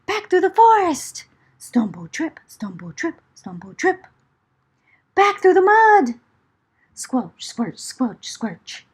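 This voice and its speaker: A woman storyteller performs a picture book for children, her very high-pitched voice swinging widely as she takes her time. She's dramatic and theatrical, chanting rhythmic phrases with whispers and exclamations.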